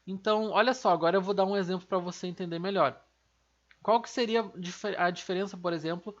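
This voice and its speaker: A woman's voice: medium pitch, highs cut off. A woman teaching an online language lesson, explaining step by step and asking and answering her own questions.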